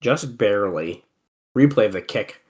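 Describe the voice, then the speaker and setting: Speaking at a moderate pace in a lowish voice, a podcast co-host who has a cold casually describes moves from an old wrestling match. He blends easygoing play-by-play with banter alongside his co-host.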